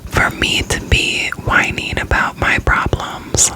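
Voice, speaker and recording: A young American woman from Florida whispers an informal, unscripted ASMR ramble, breathy and up close to the microphone. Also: takes it slowly, sharp tone. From Florida, United States. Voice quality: whispering throughout, breathy and unvoiced. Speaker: ASMR creator.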